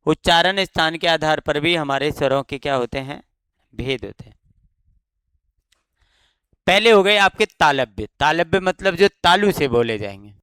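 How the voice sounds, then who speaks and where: Clear-voiced man teaching grammar. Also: on the high side, sharp tone, dry recording. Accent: Rajasthani Hindi. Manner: explanatory, asks and answers his own questions, drawn-out demonstration sounds. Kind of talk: exam-prep grammar lesson.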